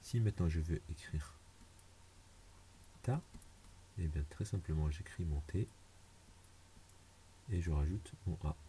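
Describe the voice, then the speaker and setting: A man's voice: rumbling low, unhurried, pauses often, dark tone, slight background noise. A man teaching a beginners' language lesson, patiently walking through each step and repeating it plainly. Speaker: Arabic teacher.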